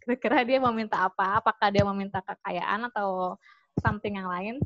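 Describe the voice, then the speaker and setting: A woman's voice: medium pitch, fairly even intonation, fairly quick, fairly bright tone, no room sound, lo-fi sound. A woman hosting a community session, casually telling a story to the group and asking them questions, with many fillers and restarts. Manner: chatty, with many "gitu kan" fillers and restarts.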